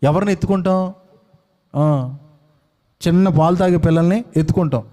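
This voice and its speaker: A man's voice: fairly high pitch, moderate pace, warm tone. A male preacher giving a sermon, acting out scenes and throwing questions at his congregation. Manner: dramatic, acts out quotes and fires questions at the congregation.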